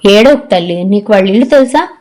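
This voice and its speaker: A woman narrator voicing a kind middle-aged father who speaks gently and with concern. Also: medium pitch, animated, fast talker, lightly acted.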